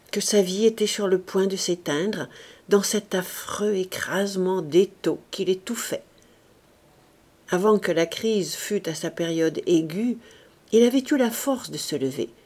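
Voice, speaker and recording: A woman with a medium-pitched voice reads a classic novel as an audiobook. Her reading is measured and expressive.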